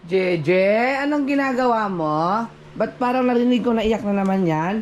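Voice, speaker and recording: A man's voice: high voice, expressive, moderate pace, muffled recording, a little hiss or hum. A man vlogging at home, playfully teasing and coaxing his toddler. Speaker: vlogger and father. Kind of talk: casual family vlog.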